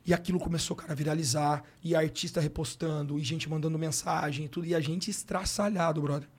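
A man's voice: fairly high pitch, steady tone, fast talker. A middle-aged man with a Brazilian Portuguese accent telling an emotional personal story in casual slangy chat as a podcast guest. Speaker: sports coach, podcast guest.

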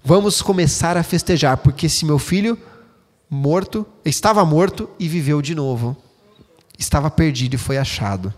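A man preaching a sermon as pastor, expressive and speaking directly to the congregation. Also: a little high, normal speed. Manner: expressive, acts out quoted voices, addresses the congregation directly. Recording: long hall reverb.

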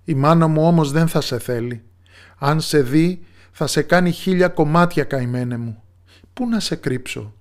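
A man voicing a quick-witted young witch's daughter, speaking briskly and decisively in a storybook tale. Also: on the high side, close to an everyday voice. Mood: worried.

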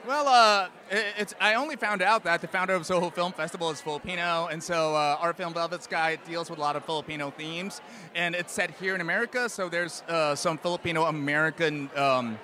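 A man giving a casual interview as an actor, thinking aloud haltingly. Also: a little high, pushed and bright. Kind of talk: casual red carpet interview. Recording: busy crowd around the voice. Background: crowd chatter.

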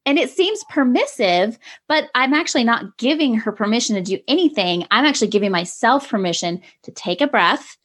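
A mother in her forties tells stories in a lively, chatty way, acting out the family's back-and-forth as she goes. Her voice sits a little on the high side. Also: brisk, hardly any pauses, breathy edge. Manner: animated storytelling, acts out family dialogue. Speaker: co-host and parent. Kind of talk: casual chat with anecdotes.

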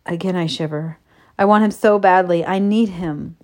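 A woman narrating a first-person erotic story in a soft, steady, intimate reading. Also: on the low side, normal speed.

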